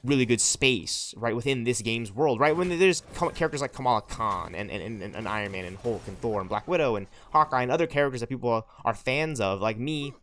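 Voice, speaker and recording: Brisk and fairly bright, this mid-range male voice barely pauses. A man in his twenties is streaming a game, rambling passionately to his chat and tagging lines with "right?" and "you know what I'm saying?".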